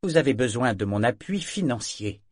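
A man's voice: mid-range voice, expressive, normal speed, slightly rough, no room sound, clean studio sound. A man voicing a skeptical wealthy man with a plaintive, grumbling voice. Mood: complaining.

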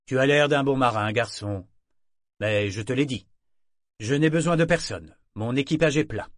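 A man's voice: medium pitch, moderate pace, no room sound, clean studio sound, lightly acted. A man voicing a stern male merchant ship captain in a storybook reading, curt and dismissive. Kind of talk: audiobook character reading.

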